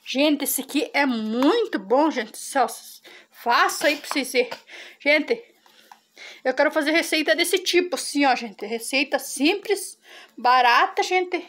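Speaking a little slowly in a high, somewhat bright voice, a Brazilian cooking vlogger in middle age shows her viewers a recipe in her farm kitchen. She's casual and chatty, repeatedly calling her audience "gente."

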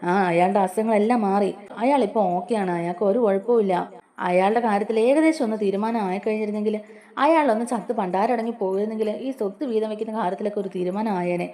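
A woman plays a young wife who complains and sneers in a fast, mellow voice. She is plaintive one moment and scheming the next. The delivery is a brisk spoken recap. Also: mid-range voice, natural voice. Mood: spiteful. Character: young wife, tearful yet scheming and spiteful.

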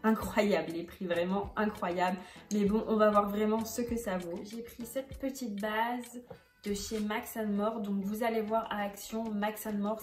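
A young woman, chatting bubbly and animated as a beauty vlogger testing makeup. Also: mid-range voice. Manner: bubbly, chatty, exclaims a lot. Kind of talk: casual makeup tutorial vlog. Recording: echoey room with background music.

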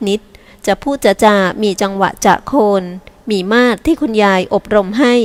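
A woman reading an audiobook novel aloud in slow, measured narration. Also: mid-range voice. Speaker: audiobook reader. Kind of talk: scripted narration.

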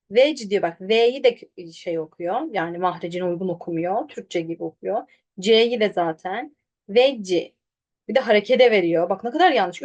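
A woman teaching pronunciation online, sounding out syllables slowly and contrasting wrong and right versions. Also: a little high. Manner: directly addresses students, quotes them animatedly. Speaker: Quran recitation teacher.

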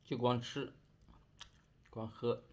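The speaker is a young Chinese man vlogging as he eats in a small bedroom, his medium-pitched voice slow and flat in delivery. He chats casually with food in his mouth, chewing between his phrases.

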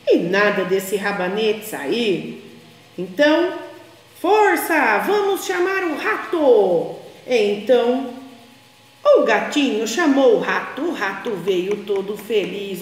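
A Brazilian woman, a teacher, telling a picture-book story to young children in a slow, sing-song, affectionate way. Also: on the high side. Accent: Brazilian Portuguese. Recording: echoey room, long reverb.

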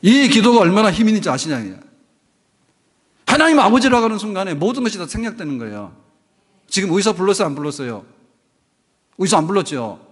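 A man's voice: high-pitched, sing-song, quick pace, pauses often, husky, in a large hall. A male pastor preaching a sermon in a conversational way, asking the congregation questions as he goes. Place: church sanctuary.

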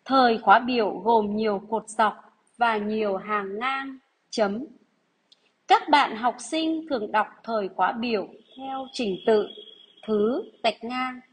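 A woman primary school teacher giving a dictation lesson to young pupils, deliberate and measured, repeating phrases. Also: on the high side, slightly rough, rough recording.

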